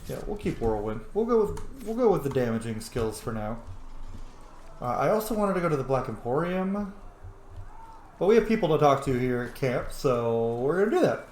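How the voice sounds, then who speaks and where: A gaming streamer chats casually and reacts as he thinks aloud while playing a video game, giving gameplay commentary at a normal pace. His mid-range voice is a little mellow with big pitch swings. The recording has a roomy echo and slight background noise.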